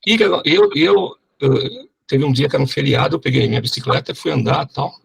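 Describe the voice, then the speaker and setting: A middle-aged man telling his testimony in a sermon, animated and often checking in with the crowd. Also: medium pitch, brisk, gravelly, husky. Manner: animated storyteller, keeps asking the crowd "né?". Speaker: preacher giving testimony.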